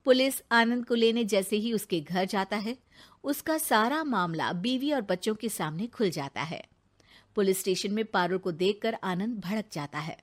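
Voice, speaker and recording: A woman narrating a cartoon moral story in a measured storytelling manner. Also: mid-range voice, expressive.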